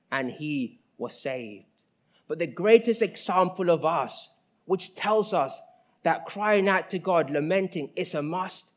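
A man in his thirties preaching a sermon, emphatic, asking rhetorical questions and dropping from loud cries to soft, low lines.

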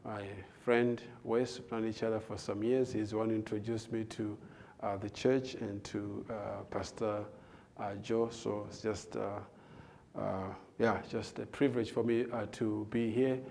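A man, a guest preacher giving his personal testimony with many hesitant filler pauses. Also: fairly low pitch, little pitch movement, darkish tone, a little hiss or hum. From South Africa. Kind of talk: personal testimony before a sermon.

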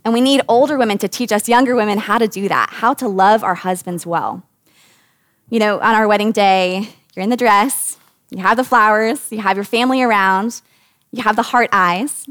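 A woman in her thirties from the United States gives a talk to a women's group as their Bible study teacher. She speaks in an earnest, conversational way with lively emphasis. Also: mid-range voice, normal speed, dry recording, studio quality.

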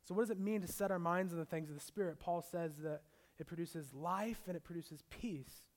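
Young man, pastor, sermon, conversational storytelling, slightly high voice. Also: brisk.

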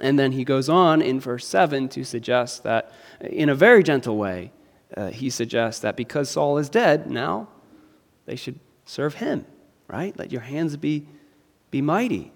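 A man's voice: mid-range voice, expressive, unhurried, gravelly, long reverb tail. A man preaching an expository sermon, explaining a text with rising, emphatic peaks.

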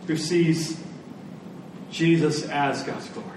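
A pastor preaches a sermon to his church in a high-set voice, earnest and emphatic, repeating key phrases for weight. He speaks slowly with little pitch movement. The recording is roomy, from a distant mic, with faint noise.

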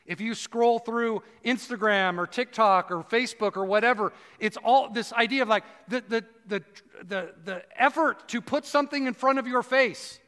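High-voiced man preaching in a hall. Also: a bit bright. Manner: conversational preaching, drops low and slow for emphasis. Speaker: pastor. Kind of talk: sermon.

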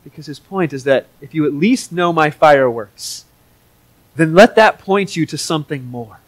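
A man's voice: fairly high pitch, moderate pace, no echo, poor audio. A man preaching a sermon in an earnest, conversational way, with small restarts as he explains. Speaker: pastor.

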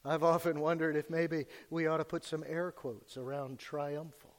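Male American preacher, slightly high voice, measured and earnest Bible exposition at a pulpit microphone, long hall reverb. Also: level tone. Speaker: pastor preaching to a congregation. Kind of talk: expository sermon. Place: large church hall.

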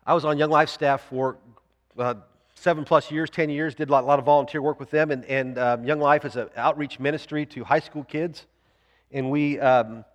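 A man's voice: a little high, fairly even intonation, moderate pace. Man preaching in a reverberant hall. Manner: storytelling with frequent restarts and fillers. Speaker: pastor. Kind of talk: sermon.

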